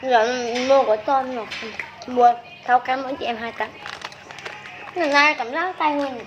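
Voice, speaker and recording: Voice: high voice, normal speed. A youngster chatting casually as a member of a small video channel during a meal. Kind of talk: casual mukbang chat while eating. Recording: muffled lo-fi sound with background noise.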